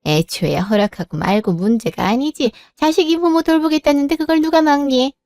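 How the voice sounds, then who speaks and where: A woman playing a brisk, caring older mother-in-law in a spoken story, firm and scolding yet reassuring. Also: high-pitched, a little mellow, dry recording, clean studio sound, faint music behind.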